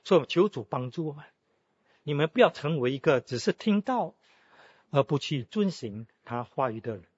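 A man's voice: fairly high pitch, lively intonation, moderate pace, darkish tone, slightly rough, no echo, lo-fi sound. A man preaching a sermon, telling a story with frequent exclamations. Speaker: pastor.

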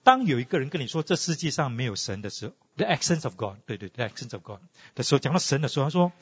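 A husky man with a somewhat raised, very animated voice teaches a class and keeps throwing questions at his students. He slips English words into his talk. The sound is dull, with a long hall reverb behind it. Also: medium pitch, racing. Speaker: teacher leading a class discussion.

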